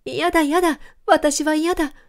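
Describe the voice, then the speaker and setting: A woman's voice: high voice, normal speed, pitched above the performer's own voice. A woman doing a boisterous loyal storybook dog. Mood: pleading. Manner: loud, pushy and excitable. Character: boisterous loyal male dog, rough and eager.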